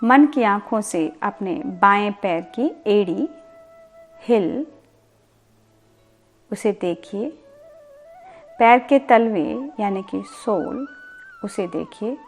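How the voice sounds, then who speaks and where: Soft music plays behind a woman with a medium-pitched voice as she guides a sleep meditation. As a yoga instructor, she speaks calmly and soothingly, deliberately pausing and repeating words.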